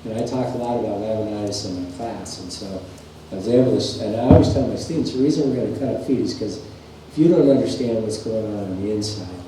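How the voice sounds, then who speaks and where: Middle-aged guy teaching a farrier clinic, low mellow voice, rambly folksy stories, big echoey room, a bit far from the mic. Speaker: farrier instructor. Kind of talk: clinic presentation storytelling. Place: large workshop or clinic hall. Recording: echoey shop, mic far off, faint hum.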